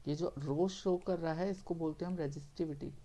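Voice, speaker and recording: A male teacher lectures in a mellow, warm voice. He works through each step methodically, asks questions and answers them himself, and keeps checking that the class is following. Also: on the high side, fairly even intonation, fairly quick. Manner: repeats "theek hai" to check understanding. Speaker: science teacher.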